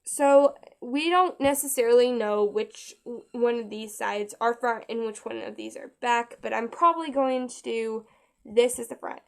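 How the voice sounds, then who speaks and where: A woman giving a casual step-by-step craft tutorial, chatty and halting with frequent restarts. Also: on the high side, vocal fry.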